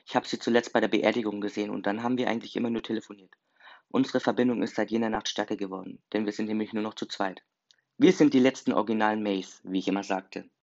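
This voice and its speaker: A man's voice: on the low side, fairly even intonation, fast, creaky, darkish tone. A man narrating a first-person story in an earnest, emotional reading. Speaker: story reader. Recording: slightly dull lo-fi recording.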